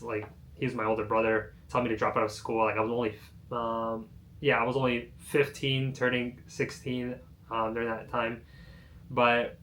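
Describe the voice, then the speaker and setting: A man's voice: mid-range voice, a bit bright. A young man in his late teens telling his personal story in a casual, rambling way, full of "like" fillers and restarts. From United States. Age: young adult. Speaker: online entrepreneur.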